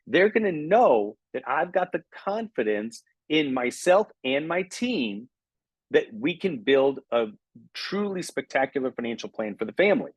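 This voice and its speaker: Middle-aged guy coaching a sales team, husky voice, dead dry sound, keeps asking okay?. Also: a little high, no echo. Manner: energetic, coaching, frequent "okay?" check-ins. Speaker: recruiting trainer. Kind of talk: motivational training talk.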